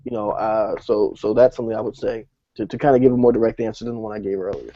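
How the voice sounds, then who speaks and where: A man from New Jersey co-hosting a panel discussion, animated and full of fillers and restarts. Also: lowish voice, quick pace, no room sound. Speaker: podcast co-host. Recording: dull, lo-fi audio.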